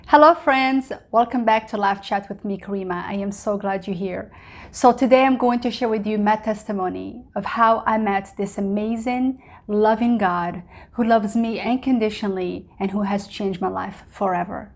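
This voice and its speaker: Talking earnestly into a camera in her living room, a host in her forties, born in Morocco with Arabic as her first language, gives a chatty personal testimony filled with small fillers and restarts. Her voice is at an ordinary middle pitch, at a moderate pace.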